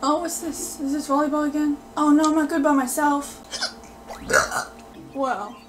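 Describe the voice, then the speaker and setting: Excitable high-voiced woman yelling at a game. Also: a little slow, slight background noise. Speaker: gameplay video host. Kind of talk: live gameplay reactions. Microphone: desk mic.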